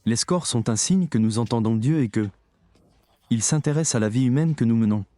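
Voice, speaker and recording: A man's voice: medium pitch, moderate pace, warm tone, dry recording. A man preaching a sermon, talking emphatically and straight to his audience. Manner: emphatic, addresses the audience directly.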